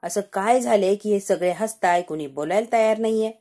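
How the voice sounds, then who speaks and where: A man's voice: high voice, moderate pace, mellow. A woman voicing a flustered, embarrassed adult man from a TV serial who keeps pleading to be told what happened. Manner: pleading, insistent questions.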